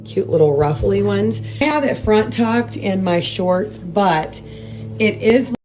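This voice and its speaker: A woman's voice: mid-range voice, expressive, slow, darkish tone, soft background music, low-quality recording. A woman blogger chatting casually about her clothes, describing fabric and fit. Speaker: fashion and home blogger. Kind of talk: casual clothing try-on narration.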